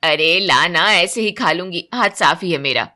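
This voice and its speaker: A woman voicing a short-tempered housemaid mother, grumbling and scolding in a lowered, louder voice. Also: lively intonation, normal speed. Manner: irritated, scolding.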